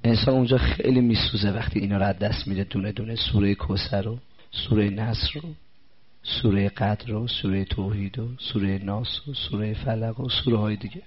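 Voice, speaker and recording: A man delivers a sermon in a low, husky voice, pressing his listeners with direct questions. He slows right down whenever he recites scripture. The recording sounds dull and lo-fi. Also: steady tone. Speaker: religious preacher.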